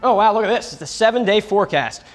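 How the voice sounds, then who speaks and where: A man's voice: high-pitched, lively intonation, fast, faint music behind. A young man presenting the weather as a stand-in, in a goofy, self-mocking, mock-serious manner. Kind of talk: comic weather segment.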